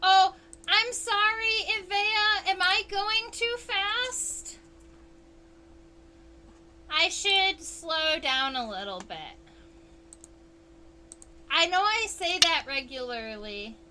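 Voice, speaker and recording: Slow, bright-voiced woman entomologist. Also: extremely high pitch, lively intonation, a little hiss or hum. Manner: chatty, unhurried, reads chat aloud. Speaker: entomologist livestream host. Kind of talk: casual livestream teaching.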